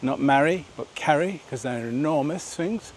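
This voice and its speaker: A man's voice: fairly high pitch, normal speed, slight background noise. Chatty man vlogging on a trail. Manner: chatty, rambling, asks viewers questions. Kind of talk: walking vlog narration. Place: outdoors on a rural nature trail.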